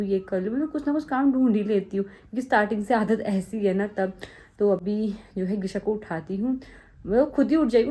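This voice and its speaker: A woman's voice: mid-range voice, mellow. A young woman from Uttarakhand, a new mother, chatting casually through her day at home and cooing to her baby now and then. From Uttarakhand, India. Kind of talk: casual home vlog chat. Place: family home indoors.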